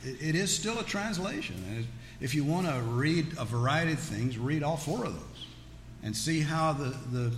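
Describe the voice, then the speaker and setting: A Bible teacher with a fairly high, animated voice speaks at a moderate pace with hardly any pauses, teaching scripture in a folksy, conversational way full of joking asides. It's religious teaching with audience questions, held in a large echoey room with an audience. The hall recording is echoey, with background noise.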